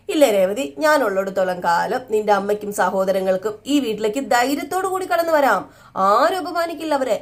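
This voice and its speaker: A woman voicing a loving young husband who gently reassures his wife. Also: a little high, close to an everyday voice. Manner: soothing, reassuring.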